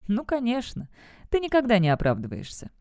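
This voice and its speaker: A woman voicing a defiant, sharp-tongued young witch in an audiobook. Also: a little high, huge pitch swings, a little fast, no echo, clean studio sound, pitched above the performer's own voice. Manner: bitter, defiant. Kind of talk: audiobook character voice.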